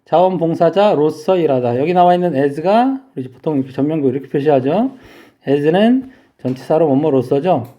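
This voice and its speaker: Korean male English teacher, mellow voice. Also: fairly high pitch, lively intonation, normal speed. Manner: explains step by step, asks students questions. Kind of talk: vocabulary lecture.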